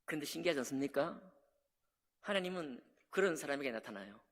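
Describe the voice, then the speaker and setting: A man's voice: a little high, animated, brisk, fairly bright tone. A man pastor preaching an impassioned sermon, acting out the pleas of biblical figures. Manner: impassioned, acts out complaints of prophets. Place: church sanctuary. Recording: long church hall reverb.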